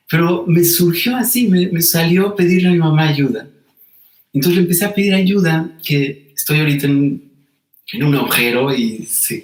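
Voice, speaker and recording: Earnest man telling a personal story. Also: fairly high pitch. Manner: earnest, emotional, with frequent restarts and repetition. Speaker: interview guest. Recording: roomy echo.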